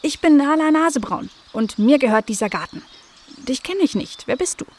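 A woman reads the part of an eager young female dog who owns a garden in a children's storybook. The voice is raised and bright, animated and friendly at a moderate pace, coming in warm, firm bursts and turning bossy when her guests misbehave.

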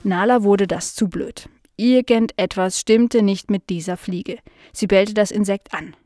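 Calm woman reading a children's story. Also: mid-range voice, unhurried, no echo, studio quality. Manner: calm, even, clear reading.

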